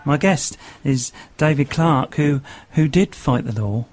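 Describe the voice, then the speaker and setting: A man hosting a radio interview, prompting his guest in a halting, gentle way. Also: mid-range voice, slight background noise. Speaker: radio host.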